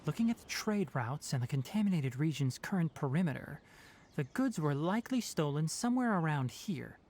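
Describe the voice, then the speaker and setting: An actor playing a calm, analytical young male forest ranger who explains his plans in a measured, matter-of-fact way in a game cutscene. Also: fairly high pitch, a little hiss or hum. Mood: reasoned. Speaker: forest watcher.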